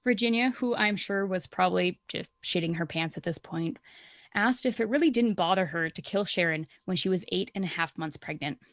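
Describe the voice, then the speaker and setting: A woman's voice: lowish voice, brisk, dry recording. A young adult woman hosting a podcast, telling a true-crime story in a casual way and reacting bluntly and angrily, with frequent swearing. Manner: blunt, indignant, swears freely. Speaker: podcast co-host.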